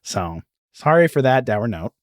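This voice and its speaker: A podcast host with a medium-pitched, very animated voice tells stories about film and history at an unhurried pace. His explanations are informal and digressive, full of asides. The recording is dry and studio quality.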